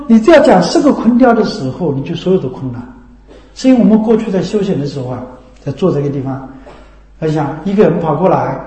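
Man, Buddhist teacher, dharma talk, rhetorical questions, mellow tone, roomy echo. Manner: rhetorical, keeps asking "right?"; swings between raised and dropped pitch and volume.

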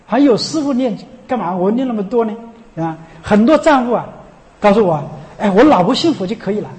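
A man's voice: high voice, a little mellow. A male Buddhist monk giving a sermon, often asking his listeners rhetorical questions and chanting a sacred name as he teaches. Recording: long hall reverb.

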